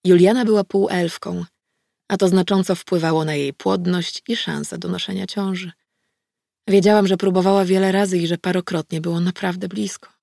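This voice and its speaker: Low gravelly woman narrating. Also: steady tone, normal speed, mellow, dry recording, studio quality. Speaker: audiobook narrator. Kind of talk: scripted first-person narration.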